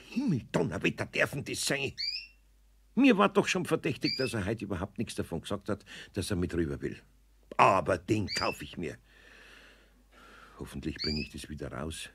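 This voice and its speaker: A man's voice: low voice, gravelly, background noise, exaggerated voice. An older man with a Bavarian accent playing an old master carpenter in a radio play, grumbling and exclaiming to himself. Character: old master carpenter, gruff but caring.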